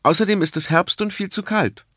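A man doing a brisk, firm mother. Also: sits high, a bit bright, no room sound, clean studio sound, voice pushed up. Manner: brisk, no-nonsense. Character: firm sensible mother of a small child.

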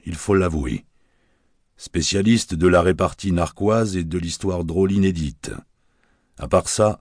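A man narrating a detective novel in a wry, measured storytelling manner, recorded close to the mic. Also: deep voice, a little mellow, dry recording. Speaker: audiobook narrator.

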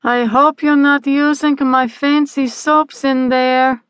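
A woman voicing a loud, nagging middle-aged mother who shouts her questions. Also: high-pitched, slow, no room sound, studio quality, voice pushed up. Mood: hollering. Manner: shouting, hollering.

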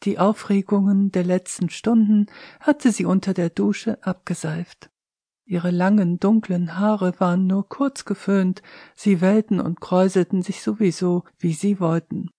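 Slow, husky woman reading aloud. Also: mid-range voice, fairly even intonation, dark tone, no room sound, studio quality. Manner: measured, unhurried reading. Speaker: author reading her novel. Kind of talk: audiobook narration.

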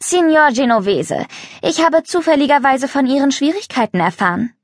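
A woman's voice: high-pitched, lively intonation, normal speed, no echo, studio quality, voice pushed up. A woman voicing a haughty, condescending rich countess in a children's storybook reading. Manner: snooty, condescending.

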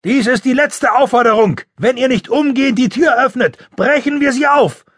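A man voicing a police officer who shouts commands through a closed door. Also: extremely high pitch, moderate pace, husky, no room sound, clean studio sound, pitched above the performer's own voice, heavily acted. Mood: threatening. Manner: loud, commanding.

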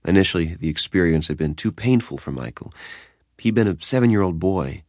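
A male audiobook narrator with a very low, deep voice and a measured, steady read. The recording is close and dry, with no room echo. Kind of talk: scripted narration.

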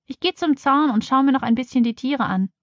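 Woman as young schoolgirl, high and whiny, near tears, children's storybook. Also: lively intonation, fairly quick, dry recording. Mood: surprised. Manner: tearful, pleading.

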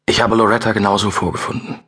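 A man's voice: fairly low pitch, flat delivery, fast talker, bright, forceful tone, breathy edge. A man voicing a tired suspect in a police interrogation, answering tersely and defiantly.

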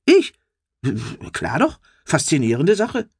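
A woman doing a gruff grumbling police chief. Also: fairly high pitch, huge pitch swings, slow, no room sound, studio quality, full character voice. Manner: grumbling, curt. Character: gruff brusque middle-aged male police chief.

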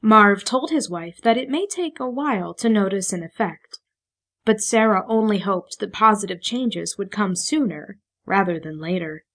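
Lady narrator reading a novel, steady and measured, mid pitch. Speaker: audiobook narrator. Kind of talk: scripted narration.

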